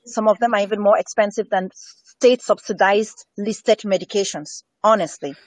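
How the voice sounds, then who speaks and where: A woman's voice: medium pitch, moderate pace, dry recording. A woman speaking as a health educator in an earnest interview, repeating key phrases for emphasis. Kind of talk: earnest conversational discussion on health.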